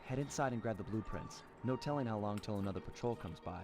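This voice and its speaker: A man's voice: on the low side, lively intonation, fast, lightly acted. A man voicing a suave young male raccoon thief who talks in a cool, laid-back, dry way, in a game. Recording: game audio with music behind.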